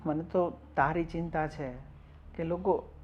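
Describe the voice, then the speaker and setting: A man's voice: on the high side, fairly even intonation, unhurried, lightly acted. A young man acting as a husband who defends his marriage to an older woman, talking earnestly. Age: young adult. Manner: earnest, pleading, rising to defiant outbursts. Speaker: young husband in a family drama. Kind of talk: Gujarati short-film acting. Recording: dull lo-fi sound with faint noise.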